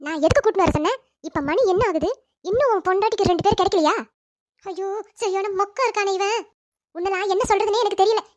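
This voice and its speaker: Someone voicing a super high squeaky mother-in-law in a cartoon, nags and scolds nonstop, talks fast. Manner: nagging, sharp-tongued. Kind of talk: cartoon family drama dubbing.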